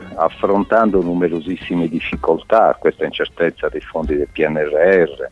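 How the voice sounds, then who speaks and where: Very deep-voiced man on a landline phone. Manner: earnest, deliberate, with frequent hesitations and restarts. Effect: heard over a landline phone. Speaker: mayor. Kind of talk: live radio phone interview. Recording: dull lo-fi phone line.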